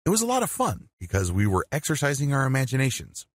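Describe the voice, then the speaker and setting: A man giving scripted instructional narration as a meditation teacher, speaking in a measured, deliberate way. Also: mid-range voice, huge pitch swings, no room sound, studio quality.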